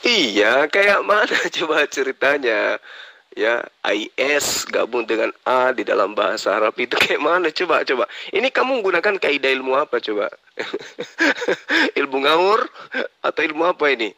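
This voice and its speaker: A man's voice: mid-range voice, sing-song, normal speed, bright, forceful tone, dry recording. A preacher man in a heated online religious debate, sarcastically pressing his opponent with challenging questions.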